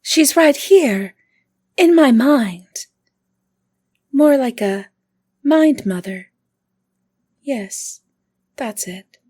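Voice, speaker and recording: Woman playing a possessed woman, sing-song, sinister sweetness, higher pitched, lively. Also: extremely slow, pauses often, heavily acted. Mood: sinister sweet.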